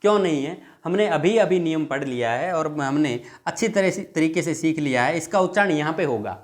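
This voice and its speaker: Higher-pitched man teaching a grammar lesson. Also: lively intonation. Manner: explains patiently, repeats words slowly, asks students questions; dictates rules word by word. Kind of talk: exam-prep lesson.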